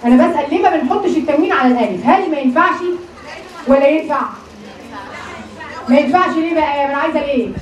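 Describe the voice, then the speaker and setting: A woman's voice: high voice, rapid-fire, pauses often, some chatter behind, slight background noise. A woman with an Egyptian accent teaching Quran recitation, questioning her students and drilling them on how letters are pronounced. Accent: Egyptian Arabic. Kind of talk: classroom lesson with drills. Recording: roomy, distant from the mic, chattering class behind.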